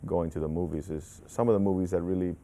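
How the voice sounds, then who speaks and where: Deep, dark-voiced man at a junket. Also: fairly even intonation, fast, a little hiss or hum. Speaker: actor interviewed about a film. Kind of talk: press junket interview.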